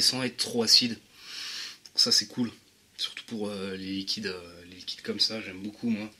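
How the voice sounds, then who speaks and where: A man reviewing products in a casual, slangy way, stopping and restarting often. His voice sits fairly low but sounds bright and forceful. Faint noise sits behind him. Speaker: vape juice reviewer.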